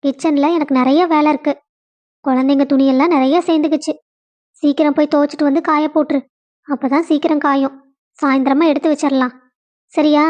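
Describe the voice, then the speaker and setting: A woman's voice: sits high, little pitch movement, a little fast, pauses often, darkish tone, highs cut off, close to an everyday voice. A woman voicing a bossy sister-in-law who gives orders, with a Kongu Tamil accent.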